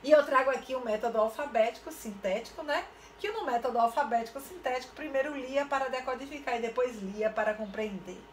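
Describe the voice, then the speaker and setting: A middle-aged woman, giving an online lecture to literacy teachers. She talks in a didactic way, asks rhetorical questions and stretches syllables out slowly. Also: sits high, slight background noise.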